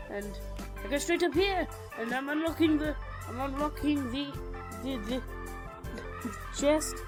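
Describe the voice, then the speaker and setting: A woman casually narrating her animated tabletop game story, rambling and self-mocking, on a cheap home mic. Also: on the high side. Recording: background music under the voice.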